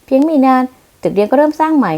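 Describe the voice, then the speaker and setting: A woman's voice: high-pitched, lively intonation, racing, muffled recording. A woman reading the narration of a manga dub in plain storytelling manner. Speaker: manga reader.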